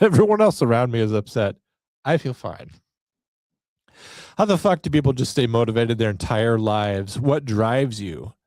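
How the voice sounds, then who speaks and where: A man's voice: fairly low pitch, creaky, darkish tone, dry recording, studio quality. A man in his forties hosting a podcast, telling self-mocking stories in a casual, wry monologue. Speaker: podcast host.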